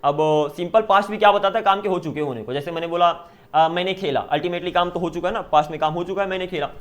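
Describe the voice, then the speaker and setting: A man's voice: sits high, quick pace. A man teaching spoken English in an Indian English accent, drilling Hindi and English sentence pairs and checking in with "ठीक है ना?". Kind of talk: online spoken-English lesson.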